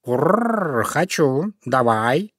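A man's voice: a little high, very animated, very slow, a bit bright, breathy edge, no room sound, clean studio sound, pitched above the performer's own voice, full character voice. A man voicing a greedy, purring tomcat in a storybook.

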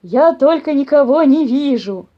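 A big, half-deaf old papa bear from a storybook, slow and booming, always a little puzzled, with a woman doing his voice. His words come out drawn out and loud on dull, lo-fi audio. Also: lively intonation, background noise. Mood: confused.

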